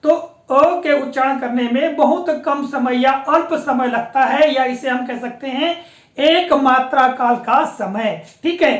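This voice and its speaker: Woman teacher, high voice, patient explanatory lecture, roomy echoey sound. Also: a little slow. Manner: patient, explanatory, often repeats a confirming filler. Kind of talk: classroom-style lecture on pronunciation. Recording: echoey room.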